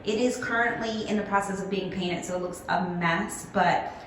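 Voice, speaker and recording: Woman, home makeover host, casual tour narration, gushing emphatic delivery, mid-range pitch. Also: moderate pace, slight background noise, rough recording. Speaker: home renovation vlogger, host.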